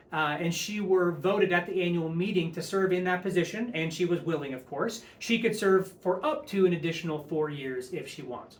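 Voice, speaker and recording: Man, high-pitched voice, earnest and upbeat, church update speech, reverberant room. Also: a bit bright. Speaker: church leader giving congregation update. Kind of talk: public update speech to a congregation. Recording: echoey room.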